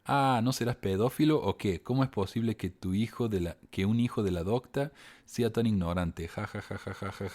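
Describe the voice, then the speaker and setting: Wry Argentine man, lowish voice. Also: normal speed, darkish tone. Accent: Argentine Spanish. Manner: wry, hesitant, many restarts and fillers. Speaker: podcast host reading viewer comments. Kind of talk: casual live-show commentary.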